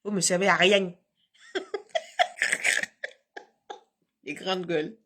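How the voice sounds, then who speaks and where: A woman's voice: fairly low pitch, big pitch swings, very slow, pushed and bright. A woman hosting a casual live stream from home on her phone, talking in a combative, emphatic way with frequent laughs.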